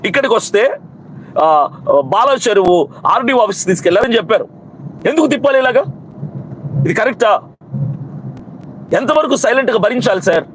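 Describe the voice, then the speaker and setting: Fiery high-voiced man over traffic noise. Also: expressive, normal speed, pauses often, low-quality recording. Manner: fiery, scolding, piles up repeated rhetorical questions. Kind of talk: impassioned protest speech to camera.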